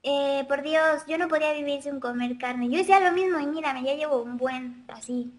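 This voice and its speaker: Girlish high-voiced chatty woman. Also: normal speed. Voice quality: childlike girlish voice. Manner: chatty, girlish, reads out and answers viewer comments. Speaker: vlogger answering viewer questions live. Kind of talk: casual webcam live chat. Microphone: webcam mic.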